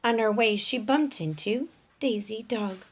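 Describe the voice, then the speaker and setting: Reading a picture book aloud for young children, a woman storyteller and teacher explains things in an instructive way. Her voice is on the high side and unhurried.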